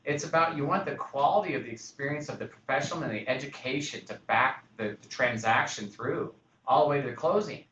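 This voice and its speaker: A man's voice: medium pitch, a little fast, hardly any pauses, a bit bright. A man who works as a real estate broker, talking in a casual podcast discussion and acting out phone calls as he tells stories. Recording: roomy, distant, dull sound with faint noise.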